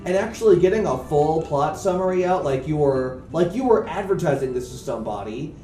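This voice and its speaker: A man's voice: fairly high pitch, a little fast, faint music behind. A man co-hosting a podcast, chatting casually and eagerly jumping in to finish his co-host's sentences. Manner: excitable, jumps in to finish the other host's sentences. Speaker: podcast co-host. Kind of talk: casual chat. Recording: echoey room, distant mic.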